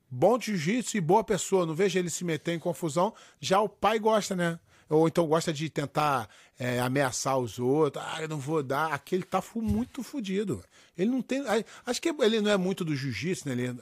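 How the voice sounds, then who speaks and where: A middle-aged man with a Brazilian accent, co-hosting a podcast, telling stories in a lively way, swearing freely and acting out the lines he quotes. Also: fairly high pitch, dry recording, studio quality. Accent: Brazilian Portuguese. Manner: animated storyteller, swears a lot, acts out quotes. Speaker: podcast co-host. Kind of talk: casual podcast banter.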